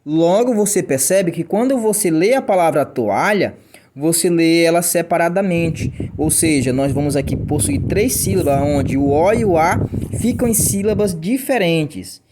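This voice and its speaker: Lively Brazilian male teacher. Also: fairly high pitch, a little slow, noisy background. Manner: chatty, keeps checking in with "tá?"; voices imagined student questions. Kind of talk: classroom grammar lesson.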